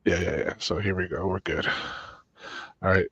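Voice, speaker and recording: A man's voice: low-pitched, level tone, normal speed, creaky, muffled recording, crowd noise. A man hosting a casual video podcast from home, easygoing and chatty while running the screen share. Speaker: host.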